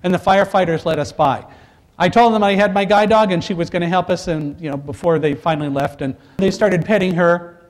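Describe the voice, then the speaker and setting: Guy giving a talk, kinda high voice, earnest storytelling, big hall echo. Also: brisk. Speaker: speaker recounting a personal survival story. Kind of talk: storytelling speech to an audience. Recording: echoey hall reverb.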